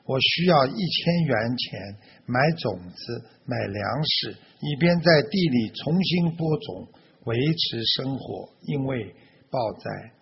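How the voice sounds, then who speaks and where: A man's voice: medium pitch, animated, gravelly, a little hiss or hum. A man voicing a sighing old farmer. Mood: pleading. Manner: exclaiming with drawn-out sighs. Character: old male farmer, anxious, lamenting. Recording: dull lo-fi recording.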